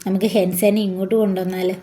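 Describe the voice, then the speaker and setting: A mother in casual talk with her small child, soothing, coaxing and asking gentle questions. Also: mid-range voice, flat delivery, quick pace.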